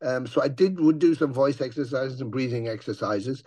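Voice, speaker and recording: A man with a gravelly growl, chatting casually as an interview guest and swearing as he tells stories. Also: mid-range voice, moderate pace, no room sound. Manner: swearing, animated storyteller who acts out voices. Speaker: touring metal musician, guest.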